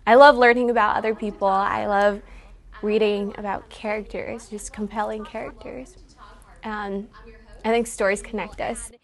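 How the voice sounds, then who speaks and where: A woman's voice: mid-range voice, flat delivery, moderate pace. A woman, speaking earnestly and reflectively in a taped interview. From San Francisco, United States. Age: 20s. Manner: earnest and reflective, grows emotional.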